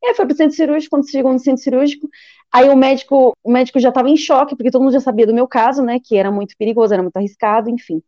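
A woman with a high, dark-toned voice tells a personal testimony at a rapid pace. She is animated and acts out the voices of others. The sound is dry and somewhat muffled. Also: no room sound. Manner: animated, acts out quoted voices and prays aloud. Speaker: guest giving a testimony.

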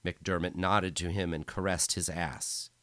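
Deep, slow-reading male narrator. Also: level tone, a bit bright, dry recording. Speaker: audiobook narrator. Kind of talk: scripted narration of a novel.

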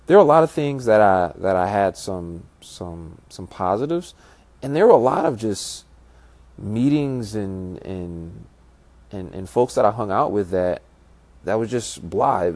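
A man's voice: deep voice, darkish tone, dry recording. A man hosting a casual solo podcast, nasal from a stuffy nose, giving encouraging, instructive advice straight to the listener. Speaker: podcast host.

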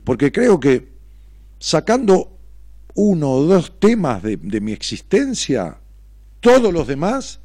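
Reading listener messages on his radio call-in show, a middle-aged man with a Rioplatense Argentine accent gives blunt, sarcastic, provocative responses and swears freely. His voice is a little high and mellow, with big pitch swings, a slow delivery, and long pauses, in clean studio sound with no echo.

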